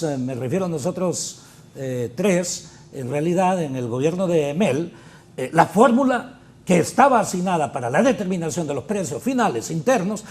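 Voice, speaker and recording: Emphatic politician, higher voice. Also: male voice, darkish tone. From Honduras. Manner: argumentative, emphatic with rhetorical questions. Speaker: politician guest. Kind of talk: political interview commentary.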